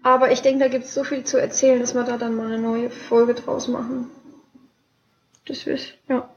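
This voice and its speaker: A young woman whose first language is German co-hosts a casual podcast, sounding chatty and cheerful with plenty of fillers. Her voice is on the high side and a little mellow, with a level tone at normal speed. The home recording sounds dull and lo-fi.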